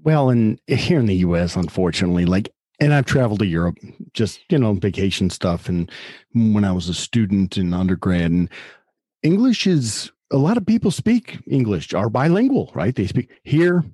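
A man from Chicago hosts a casual interview, chatting and rambling with friendly asides. His voice is mellow and warm in tone, and it sounds close and dry. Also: lowish voice, animated, normal speed, slightly rough, no room sound. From Chicago, United States. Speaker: podcast host.

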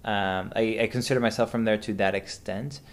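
A man in his thirties from Venezuela, speaking fairly quickly in a steady tone with a fairly low pitch, chats casually on a podcast as a guest. He's hesitant, with many fillers and restarts.

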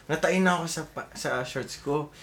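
A man's voice: a little high, normal speed, a bit bright. A young man from the Philippines, co-hosting a casual podcast chat, rambling through a childhood story with frequent laughs and calling his friends bro. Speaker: podcast co-host.

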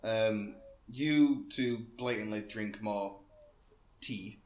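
A man's voice: fairly low pitch, drawn-out words, darkish tone, echoey room. A man hosting a casual chat, steering topics and playing devil's advocate.

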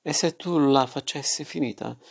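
A weary young man, as an audiobook reader puts him on, calm and dryly ironic, almost indifferent. The voice is deeply gravelly and kept flat in melody. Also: slow.

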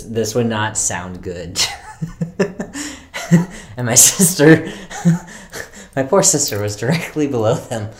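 This is a young man co-hosting a casual podcast, his voice sitting a little low. He rambles through stories with lots of fillers and breaks into laughter along the way. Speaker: podcast co-host. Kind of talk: casual chat.

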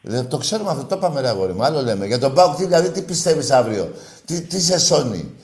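A male radio sports host needling a caller in call-in banter, teasing and quick to get heated. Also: mid-range voice, sing-song, a little mellow.

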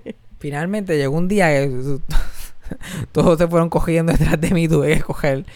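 Podcast co-host, Puerto Rican man, a bit of fry in the voice, lively anecdotes peppered with English. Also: a little high, normal speed, dry recording. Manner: animated, mixes English into Spanish, laughs often. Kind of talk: casual storytelling chat.

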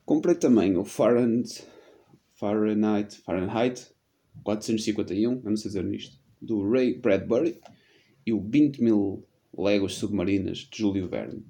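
Getting over a cold, this podcast host—late twenties, European Portuguese accent—tells stories in a rambling, slangy, self-deprecating way on his solo show. He speaks at a normal speed with a fairly low, warm voice and vocal fry.

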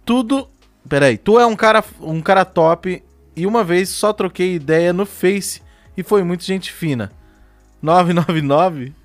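A man's voice: high-pitched, a little slow, soft background music. A man hosting a casual podcast chat, laid-back and full of slang. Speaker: podcast host.

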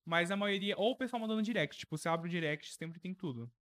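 Teenage Brazilian Portuguese guy, fairly high voice. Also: quick pace, a bit bright. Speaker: podcast guest. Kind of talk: casual interview chat.

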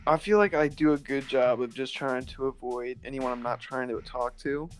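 A man's voice: mid-range voice, moderate pace, soft background music. A young man co-hosting a podcast in casual chat, hesitant and trailing off mid-thought. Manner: hesitant, trails off, laughs easily. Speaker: podcast co-host.

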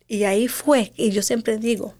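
A woman telling her own story in an interview, earnest and halting, often restarting her sentences and slipping in English words. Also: a little high, fairly even intonation, dark tone. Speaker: guest sharing her story. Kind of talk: personal testimony in conversation.

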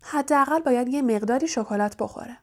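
A woman's voice: sits high, close to an everyday voice. A woman doing a fussy school nurse. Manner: fussing, muttering. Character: fussy middle-aged female school nurse.

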